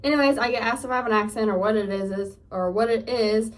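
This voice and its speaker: A young Northern California woman with a Californian accent rambles through a get-ready-with-me vlog at home, her slightly high voice steady and quick, full of fillers. She's a lifestyle vlogger recorded on a phone camera, sounding a bit off-mic and distant.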